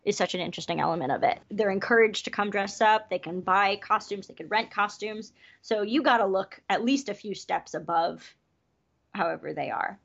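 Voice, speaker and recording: Gravelly-voiced upbeat woman performer. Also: mid-range voice. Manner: chatty, upbeat, quick asides. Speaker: festival variety performer. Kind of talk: casual interview chat. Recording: dull lo-fi sound.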